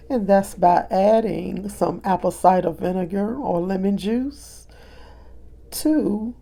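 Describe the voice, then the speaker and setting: Woman cooking host, homey and chatty, unhurried delivery, gravelly voice, home kitchen. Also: medium pitch, warm tone. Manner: chatty, homey, with frequent fillers. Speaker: cooking vlogger. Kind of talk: casual recipe demonstration.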